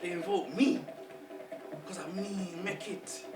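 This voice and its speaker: A performer voices a sly, boastful old trickster spider spirit with a Jamaican accent, delivering chuckling, rhythmic spoken word slowly in a steady, mid-range voice that's only lightly acted. The sound comes from afar in a roomy space, with music underneath.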